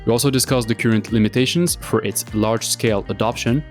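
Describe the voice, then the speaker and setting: Man, podcast host, scripted read, mid-pitched voice, faint guitar music behind. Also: fast. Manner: reads a polished scripted introduction. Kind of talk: scripted podcast intro and interview.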